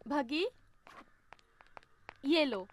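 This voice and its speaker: A woman's voice: high-pitched, animated, drawn-out words, heavily acted. A woman dubbing an affectionate, playful young woman saying goodbye to her sweetheart, in a film dub. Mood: playful, tender. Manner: playful and emotional.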